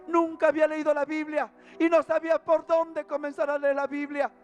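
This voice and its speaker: A man with a Peruvian Spanish accent preaches his testimony in a very high voice, fervent and emotional, repeating key phrases. Soft music plays faintly behind him in the church. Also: level tone, moderate pace. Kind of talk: testimony sermon. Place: church service.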